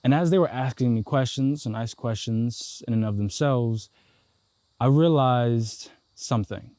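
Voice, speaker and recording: A young man vlogs his travels, speaking straight to the viewer in a casual, slangy, reflective way. His medium-pitched voice is unhurried, and while the recording has no room sound, there's loud background noise.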